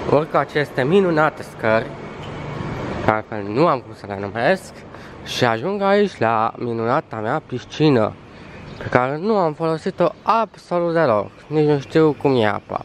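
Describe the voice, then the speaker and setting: Twenties male vlogger, chatty and sarcastic, self-filmed at arm's length outdoors with steady street noise. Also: mid-range voice. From Romania. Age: 20s. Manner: chatty, joking, sarcastic asides. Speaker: travel vlogger. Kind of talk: casual vlog narration. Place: outdoors in a city street and residential complex. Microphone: camera held at arm's length.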